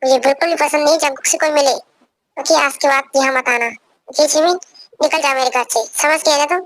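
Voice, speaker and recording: A woman's voice: high voice, steady tone, a little fast, a bit bright, no echo. A young woman voicing a possessive, domineering young husband who gives orders in an amateur fan dub. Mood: stern. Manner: commanding, repeats orders.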